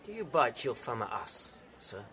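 A man's voice: mid-range voice, very animated, normal speed, bright, forceful tone, a little hiss or hum. A man playing a challenging rival servant. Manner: challenging, insistent. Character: provoked rival male servant.

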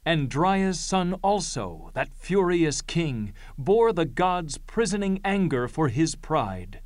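A man playing a grave chorus elder in a Greek tragedy, reciting verse with solemn, measured declamation. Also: on the high side, very animated, no room sound. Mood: solemn lament.

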